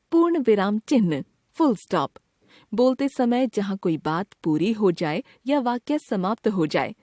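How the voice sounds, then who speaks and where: A woman narrates a children's grammar lesson in a clear, measured way. Her pitch moves a lot as she explains. The sound is dry and close. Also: warm tone, no echo. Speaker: grammar teacher.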